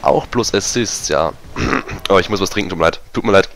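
A man giving casual, self-mocking commentary over a multiplayer match, his voice going hoarse. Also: sits low, normal speed, fairly bright tone, slight background noise. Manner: chatty, self-mocking, many fillers. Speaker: gaming YouTuber. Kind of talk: casual let's-play commentary.

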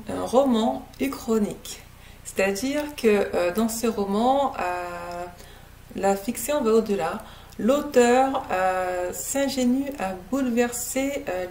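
Speaking in a slightly high voice with a darkish tone, a woman from French Guiana hesitantly reviews a novel to camera, filling pauses with sounds. She is a book reviewer sitting close to her laptop webcam in her living room at home.

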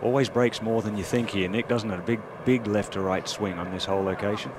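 A man's voice: fairly low pitch, steady tone, brisk. A man working as a golf commentator, calling play live on a television broadcast. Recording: loud outdoor background noise.

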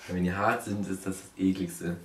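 A man's voice: deep voice, little pitch movement, moderate pace. A man in his thirties chatting casually as he takes part in a food challenge vlog. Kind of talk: casual chat. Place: living room on a couch. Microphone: camera a step or two away. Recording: roomy, distant mic, loud noise, clatter.

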